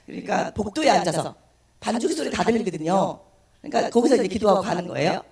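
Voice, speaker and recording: A woman's voice: medium pitch, animated, fast, creaky, a little mellow. A woman guest speaker with a strained, unclear voice, giving a personal testimony at a church service and acting out the voices in her story. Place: church sanctuary. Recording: echoey room, distant mic.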